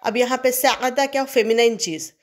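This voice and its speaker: A woman's voice: a little high, moderate pace. A woman teacher going through an exam revision lesson step by step, posing questions to her students and answering them, checking in with "okay?" often.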